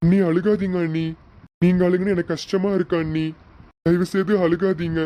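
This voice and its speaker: A man's voice: high voice, little pitch movement, fairly quick, mellow, pitched above the performer's own voice, close to an everyday voice. A man playing an injured young husband in a homemade serial, speaking emotionally and repeating names. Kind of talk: hobby serial acting.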